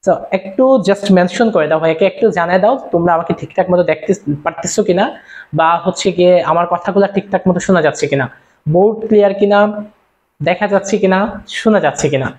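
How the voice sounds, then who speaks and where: A young man from Bangladesh teaching an online class, repeating his points and firing quick questions at his viewers. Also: high voice, a little mellow. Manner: fast, repetitive, calls out questions to viewers. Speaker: online tutor. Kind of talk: live-streamed class lecture. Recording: dull lo-fi stream audio.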